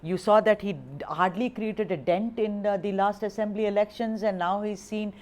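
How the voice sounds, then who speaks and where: A woman anchors a live news discussion. She talks conversationally and leans on her key points, in a middle-pitched voice. She readily interjects to steer the exchange. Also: moderate pace, darkish tone.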